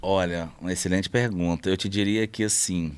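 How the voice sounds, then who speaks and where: A man's voice: deep voice, brisk, smooth. A man who runs a car wrap shop, chatting casually in an interview and telling stories about customers. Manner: storytelling, animated when telling anecdotes.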